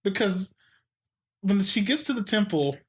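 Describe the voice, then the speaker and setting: A woman's voice: mid-range voice, expressive, unhurried. Woman podcast cohost, casual movie chat, lots of laughing and trailing off. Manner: chatty, laughs often, trails off mid-sentence. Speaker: podcast co-host.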